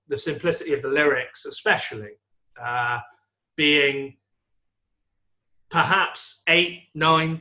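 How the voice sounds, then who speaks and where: A man's voice: fairly high pitch, pushed and bright. A man co-hosting a comedy podcast, rambling casually about songs, swearing and laughing as he goes. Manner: rambling, swearing, laughs often, sings song lines. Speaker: podcast co-host.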